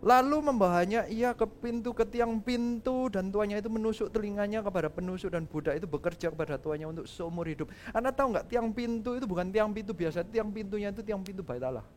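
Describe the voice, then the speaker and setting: A male pastor telling a story in a sermon, lively and casual, acting out quoted lines and dropping in English phrases. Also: sits high, fast talker, hardly any pauses, slight background noise.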